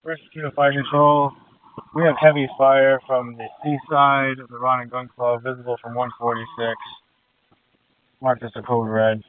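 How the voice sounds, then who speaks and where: An urgent male firefighter reports in clipped phrases over a two-way radio. His voice is clean and steady in tone, squeezed through a narrow, muffled channel with little room sound. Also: medium pitch, normal speed, pauses often, no room sound. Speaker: firefighter on fire ground radio.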